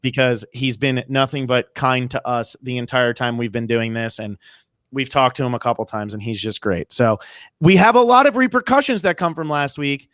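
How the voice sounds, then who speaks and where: A man with a high-pitched voice hosting a casual, chatty TV recap podcast. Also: moderate pace, fairly bright tone, no echo. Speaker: podcast host.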